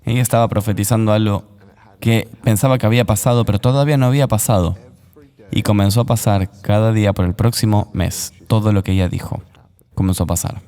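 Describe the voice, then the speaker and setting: A man recounting a personal testimony as an interview guest, in an earnest, measured voice-over. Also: on the low side, fairly even intonation, warm tone, in a large hall.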